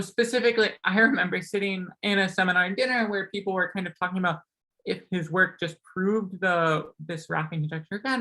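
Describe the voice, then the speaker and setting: A young man with a high, creaky, slightly bright voice that sounds a little sore gives a casual math seminar talk. He fills it with ums and likes and keeps correcting himself. The recording quality is low.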